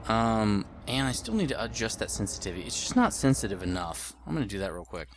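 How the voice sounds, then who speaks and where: A man's voice: lowish voice, sing-song, fast, slight background noise. A man in his late thirties giving casual gameplay commentary, rambling and thinking aloud as he plays. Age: late 30s. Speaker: gaming video host.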